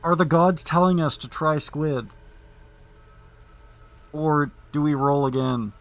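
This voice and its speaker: A man's voice: fairly high pitch, takes it slowly. A man streaming a game, giving casual, playful commentary and theatrically deliberating with his chat. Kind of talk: casual live gameplay commentary.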